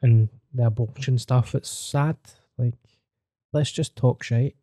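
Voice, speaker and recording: A man's voice: mid-range voice, fairly even intonation, takes it slowly, dark tone, no echo, studio quality. A man with a Glasgow street accent, chatting casually with plenty of slang and swearing. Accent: Glaswegian. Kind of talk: casual chat.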